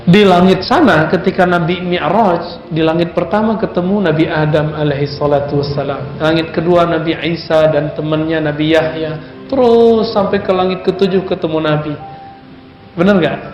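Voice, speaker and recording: A man preaching a sermon in a lively, conversational way, often putting questions to his audience. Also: fairly high pitch, moderate pace, reverberant, faint music behind. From Indonesia.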